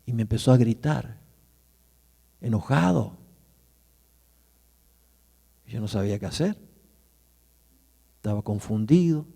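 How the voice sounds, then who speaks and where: Pastor telling a story in a reverberant hall. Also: male voice, medium pitch, animated, moderate pace, creaky, slightly rough. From Argentina. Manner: vivid personal storytelling, swings from loud to hushed. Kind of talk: sermon storytelling. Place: church hall. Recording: church hall with long reverb.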